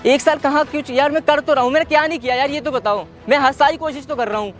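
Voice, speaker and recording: Man acting as a pleading broke young husband, exasperated, stammering, high voice, fast talk. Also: soft background music. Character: desperate indebted young husband pleading with his wife. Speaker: husband in a skit.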